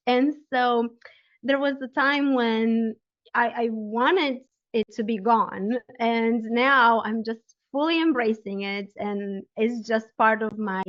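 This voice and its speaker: A woman with a Romanian accent, speaking as a podcast guest in an earnest, gently emphatic way. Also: fairly high pitch. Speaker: guest, spiritual life coach. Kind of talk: casual interview chat. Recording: dull lo-fi audio.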